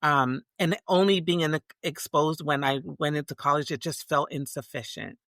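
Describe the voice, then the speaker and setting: A woman's voice: sits low, normal speed, fairly bright tone, no echo, clean studio sound. A middle-aged woman from Tonga, a guest in a casual interview, talking reflectively with many restarts and fillers.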